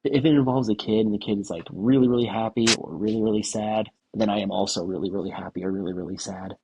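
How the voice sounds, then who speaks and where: A man's voice: lowish voice, fast, gravelly, muffled recording, a little hiss or hum. A young man co-hosting a podcast, chatting casually in a rambling, easygoing way. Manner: relaxed and rambling, with many restarts and "like"s. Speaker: podcast co-host. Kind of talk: casual chat.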